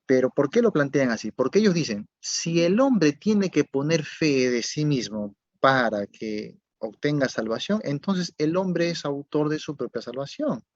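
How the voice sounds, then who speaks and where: A man's voice: on the high side, expressive, measured pace, few pauses, no echo. A male pastor preaching a sermon, asking rhetorical questions and checking that listeners follow. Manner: rhetorical questions with tag checks, swings from loud to soft. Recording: dull lo-fi dry recording.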